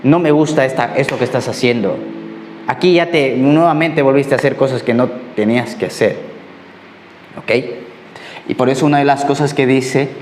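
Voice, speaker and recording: A man delivers a sermon in a relaxed, conversational way, often pausing to check that his listeners follow. His voice sits at an ordinary middle pitch. The recording carries the echo of a church hall with faint ambient noise behind him. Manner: conversational preaching, often asks "¿Ok?". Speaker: pastor.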